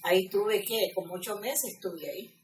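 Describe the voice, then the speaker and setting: A woman's voice: mid-range voice, moderate pace, a little hiss or hum. A woman in her seventies with a Guanacaste Costa Rican accent, recalling her youth on a ranch in a conversational documentary interview. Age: 70s. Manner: reminiscing, conversational, checks in with "¿ya?". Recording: roomy, distant mic with music underneath.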